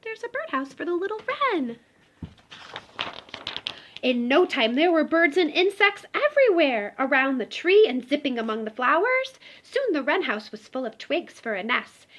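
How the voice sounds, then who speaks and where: A woman reads a children's picture book aloud with lots of expression, addressing young listeners directly and adding asides. Her high, very animated voice flows unhurriedly with few pauses, and the recording's highs are cut off.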